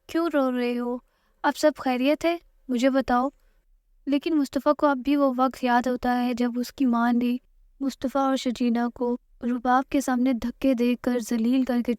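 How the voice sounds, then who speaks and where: A woman narrating a TV drama recap in a steady storytelling read from a script, addressing viewers directly. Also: a little high, no room sound, studio quality.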